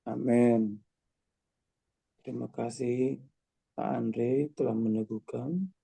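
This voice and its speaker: A man's voice: medium pitch, steady tone, slow, vocal fry, warm tone, husky, no room sound, poor audio. A man moderating a discussion on a video call, polite and formal as he invites responses. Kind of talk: leading a discussion.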